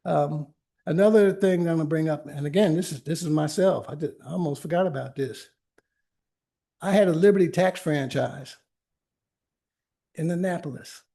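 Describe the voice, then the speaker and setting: An older attorney who presents workshops gives an easygoing library talk, sharing personal stories conversationally with many restarts and tangents. His voice is a little high, gravelly, mellow and slightly rough, moving at a moderate pace with frequent pauses.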